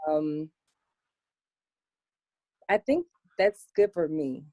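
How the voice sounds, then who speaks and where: A young American woman answering interview questions in a relaxed chat, with plenty of "um" and "like". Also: low voice, drawn-out words, no room sound. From United States. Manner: chatty, many "um" and "like" fillers. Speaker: interview guest. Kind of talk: casual interview.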